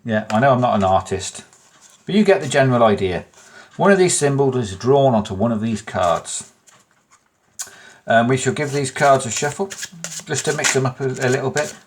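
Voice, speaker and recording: A man talks through an informal hands-on demonstration in a mid-pitched voice. He is chatty and self-deprecating, often slipping into muttered asides to himself as he instructs. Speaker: magician presenting a card trick tutorial.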